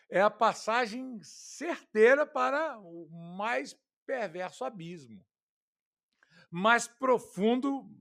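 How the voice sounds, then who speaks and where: A man's voice: high-pitched, fairly bright tone. A man preaching an expository sermon, talking conversationally and asking the congregation rhetorical questions. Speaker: pastor.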